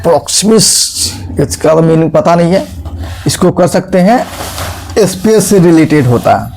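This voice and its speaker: A man's voice: on the high side, animated, measured pace, vocal fry, darkish tone, slight background noise. A man explaining a lesson step by step, asking rhetorical questions and demonstrating tones and expressions as he teaches.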